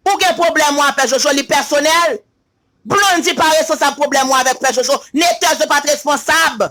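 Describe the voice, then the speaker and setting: High bright-voiced Haitian man ranting. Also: normal speed. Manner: emphatic and repetitive, slipping into sing-song chants. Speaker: social media commentator. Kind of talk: opinion rant to camera.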